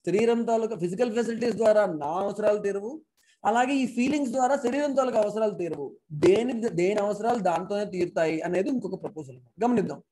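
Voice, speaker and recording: A man's voice: high-pitched, a little fast, dark tone, slight background noise, poor audio. A man lecturing to an online class through a laptop mic, mixing English phrases into his talk and posing rhetorical questions. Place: speaking remotely to an online class. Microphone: external mic plugged into a laptop.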